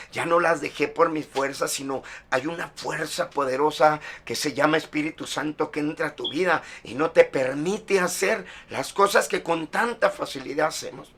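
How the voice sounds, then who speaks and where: A middle-aged man preaches in a bright, slightly high voice. He speaks as a pastor sharing his own testimony and keeps dropping in "amen" between thoughts. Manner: testimony-style preaching, frequent "amén". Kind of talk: sermon.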